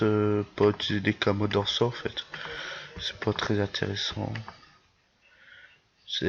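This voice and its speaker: A man's voice: on the low side, slight background noise. Lisping man commenting on gameplay, lo-fi sound. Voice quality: lisp with slushy s sounds. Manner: hesitant, searching for words, repeats himself. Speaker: YouTube gameplay host. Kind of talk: casual game commentary. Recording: dull lo-fi microphone.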